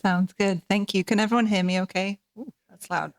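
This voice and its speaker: A soft-spoken woman doctor starting her remarks on a conference panel, friendly in tone. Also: mid-range voice, steady tone, brisk. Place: conference room.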